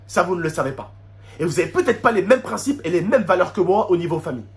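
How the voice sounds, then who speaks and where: With a high, sing-song voice and a fast pace, a French YouTuber from the suburbs rants emotionally to camera at his subscribers. He uses street slang with Arabic interjections, repeating himself and asking rhetorical questions.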